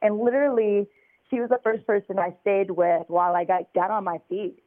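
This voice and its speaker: An American woman with a medium-pitched, steady voice talks a little fast as a guest in a conversational phone interview. She tells her story in a chatty way full of fillers, and the dry recording has a tinny phone-line sound.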